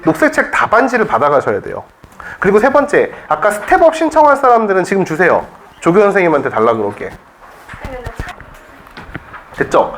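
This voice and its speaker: Lively, quizzing male cram-school teacher. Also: high voice, slight background noise. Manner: lively, joking and rhetorical, quizzing students constantly. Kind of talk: classroom lecture. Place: classroom.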